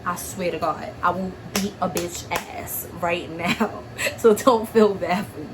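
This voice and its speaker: A woman's voice: lowish voice, a little slow, background noise. Tearful, stuffy-nosed young woman from Harlem. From Harlem, New York. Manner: blunt, profane, streetwise talk. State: crying, stuffy nose, shaky voice. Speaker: vlogger. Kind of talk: emotional personal vlog.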